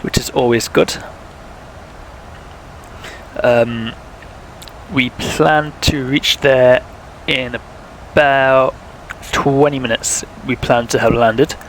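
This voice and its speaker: A man's voice: medium pitch, steady tone, slow, fairly bright tone, slight background noise, rough recording. A young man, chatting casually while streaming a flight sim, thinking aloud and talking to viewers, with a sore throat. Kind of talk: casual live-stream commentary.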